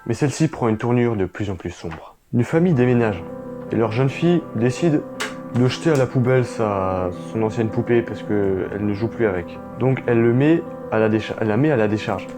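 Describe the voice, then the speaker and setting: A man's voice: mid-range voice, expressive, brisk. A young man co-hosting a horror video, narrating eerie stories dramatically with chatty asides to viewers. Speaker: co-host. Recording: music playing behind.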